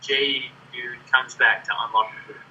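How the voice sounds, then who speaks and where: A man's voice: medium pitch, level tone, normal speed, pushed and bright, distant mic, muffled recording, slight background noise. A young man playing a tabletop game, blunt and joking in casual chat. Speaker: player.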